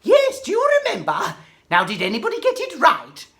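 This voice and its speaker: A woman playing a zany, excitable Mad Hatter in a theatrical children's monologue, whimsical and exclamatory, chatting to young listeners. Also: very high voice, moderate pace, exaggerated voice. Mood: playful, giggly. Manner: whimsical, exclamatory, giggles at own jokes, chatty with audience. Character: zany, giggling, excitable Mad Hatter telling silly jokes. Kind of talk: theatrical children's character monologue and poem recital.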